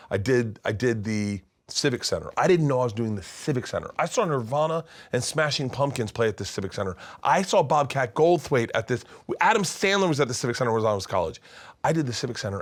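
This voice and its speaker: A comedian in his fifties telling stories as an interview guest, animated and swinging between loud and hushed. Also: mid-range voice, fast talker. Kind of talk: candid storytelling in conversation. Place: his studio.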